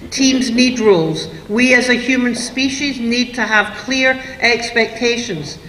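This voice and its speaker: Woman speaker, lively lecture to a room of parents, big echoing hall. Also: on the high side, unhurried, slight background noise. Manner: lively, acts out parents and kids in quotes. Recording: echoey hall, long reverb.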